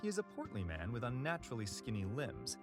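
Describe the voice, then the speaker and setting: A man's voice: mid-range voice, wildly swooping pitch, fast talker. A man playing the narrator of a tongue-in-cheek dungeon adventure game, reading scripted narration. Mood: measured storytelling. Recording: game music behind the voice.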